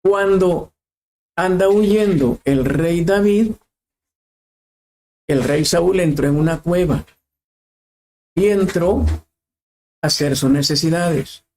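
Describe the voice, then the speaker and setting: A man's voice: a little high, takes it slowly, long pauses, darkish tone, slight background noise. Man preaching with repeated questions. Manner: questioning, repeats phrases for emphasis. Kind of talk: sermon.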